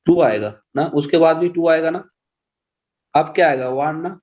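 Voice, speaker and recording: A man teaching an online maths class, slowly quizzing his students with patient questions. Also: on the high side, darkish tone, lo-fi sound.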